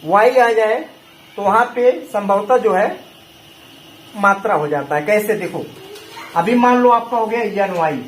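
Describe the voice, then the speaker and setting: A man's voice: high-pitched, measured pace, pauses often. A man teaching a class, quizzing his students with the same question over and over. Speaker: English teacher. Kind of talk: classroom lesson with call-and-response. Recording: echoey room with faint noise.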